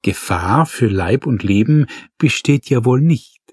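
A man's voice: medium pitch, expressive, unhurried, darkish tone, husky, no echo, clean studio sound. A man doing a cheeky, self-assured policewoman.

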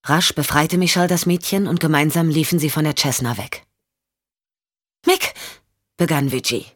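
A woman narrating a thriller audiobook in steady, measured storytelling. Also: low-pitched, no echo, clean studio sound.

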